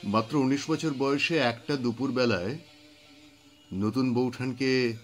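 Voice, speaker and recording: A man reading and talking about poetry, telling the story behind the poems in an unhurried way with thoughtful pauses. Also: medium pitch, soft background music. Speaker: poetry reader and speaker. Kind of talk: reflective spoken commentary on poetry.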